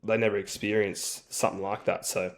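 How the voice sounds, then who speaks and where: A man with a fairly low voice gives a casual interview as a guest. He tells stories in a laid-back, slangy, colloquial way. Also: little pitch movement, a little fast, vocal fry. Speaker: interview guest, rugby league player for a national team.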